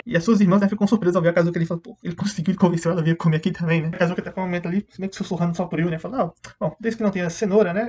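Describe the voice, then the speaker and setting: A man giving a casual, chatty recap of anime episodes, rapidly retelling the plot and quickly mimicking the characters' lines. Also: sits high, darkish tone. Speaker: anime reviewer.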